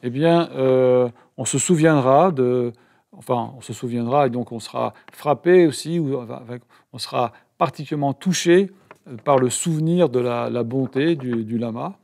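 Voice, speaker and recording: A man's voice: mid-range voice, normal speed, creaky, darkish tone. A man interpreting a meditation teaching live, hesitant, with many fillers and self-corrections.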